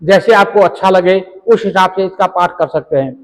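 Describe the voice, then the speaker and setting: A man's voice: high voice, normal speed, long reverb tail, rough recording. A man giving rambling devotional instruction, reciting mantras and repeating filler phrases as he explains. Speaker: religious teacher.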